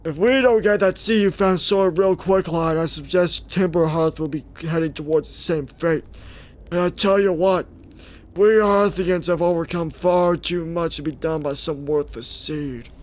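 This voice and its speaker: A grizzled old star pilot drawls through his tale in a rough, strained voice, as a man puts him on. The voice sits a little above the usual male register. He talks like a folksy old-timer. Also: fairly high pitch, moderate pace, natural voice. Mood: earnest. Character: gruff old male space explorer storyteller.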